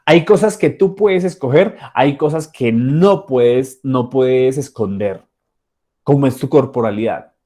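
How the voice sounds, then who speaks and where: A man's voice: mid-range voice, unhurried, darkish tone. Man, coach, training lecture, conversational, acts out little dialogues. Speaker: soft skills coach.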